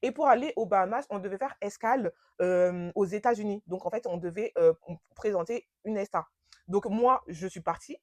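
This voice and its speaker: A young woman telling a personal story in a casual, animated way, with slangy and emphatic speech. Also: medium pitch, moderate pace, no echo.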